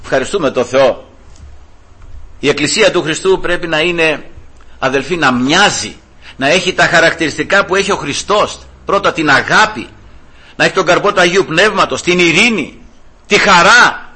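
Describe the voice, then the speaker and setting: A man preaching a sermon with passion, his voice swinging high and low as he acts out biblical dialogue. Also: sharp tone, slightly rough.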